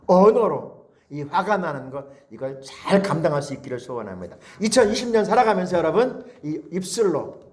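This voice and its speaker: A man's voice: a little high, sing-song, fairly quick, a little mellow. A man preaching a Sunday sermon as pastor, coaxing the congregation with questions and repeated calls.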